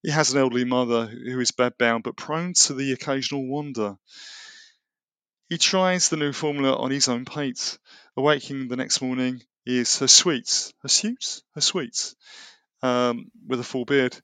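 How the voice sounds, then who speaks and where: A man co-hosting a film review, speaking in a measured, conversational manner. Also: mid-range voice, steady tone, fairly bright tone, clean tone, no echo. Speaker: film review show co-host. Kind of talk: casual film review discussion.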